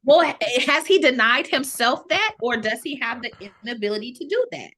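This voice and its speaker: This podcast panelist is an American woman from Toledo who chats casually, outspoken and opinionated, using slangy, profane language. Her voice sits high and sounds fairly bright, and she talks expressively at a fairly quick clip.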